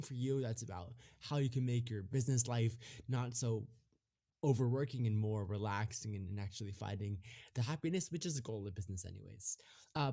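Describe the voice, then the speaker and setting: A young man hosting a podcast interview, asking questions in a friendly, slightly halting way. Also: mid-range voice, darkish tone. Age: young adult. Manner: friendly, a bit halting, with fillers.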